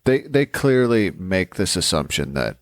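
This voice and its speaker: A man's voice: low voice, very animated, measured pace, no echo, clean studio sound. A man co-hosting a casual true-crime discussion, talking in an incredulous, emphatic manner. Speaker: podcast co-host.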